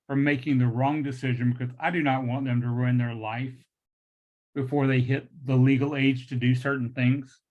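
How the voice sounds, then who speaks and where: A man in his late fifties speaks firmly and meanderingly at a public meeting, with slightly awkward articulation from new dental implants. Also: medium pitch. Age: late 50s. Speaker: liquor store owner addressing a public meeting. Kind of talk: earnest unscripted remarks at a public meeting. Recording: dull, muffled lo-fi meeting audio.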